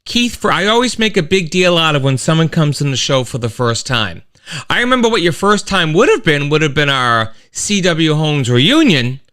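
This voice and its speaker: Middle-aged male host, animated rambling monologue, slightly high, smooth voice. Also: moderate pace. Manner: animated storyteller, rambling with restarts and sound effects. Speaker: host of a weekly live-stream show. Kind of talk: casual monologue to a live chat.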